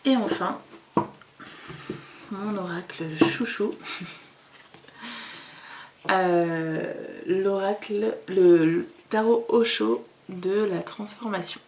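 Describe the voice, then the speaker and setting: A woman giving a card-reading guidance in a calm, hesitant way, with many fillers, seated at a table with her cards. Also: mid-range voice, extremely slow, gravelly, long pauses. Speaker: tarot reader.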